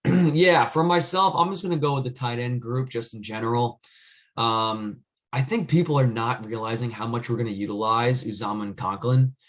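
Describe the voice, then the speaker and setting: A man in casual sports chat on a podcast, circling his point with frequent "I mean"s and false starts. His pitch sits in an ordinary middle range for a man. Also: moderate pace. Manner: rambling, many restarts and "I mean". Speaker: podcast co-host.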